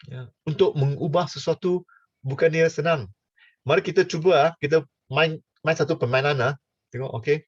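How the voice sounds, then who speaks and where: A man's voice: fairly high pitch, moderate pace, no room sound. An older man preaching, stammering, full of fillers and playful asides. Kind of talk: sermon. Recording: dull lo-fi sound, dry.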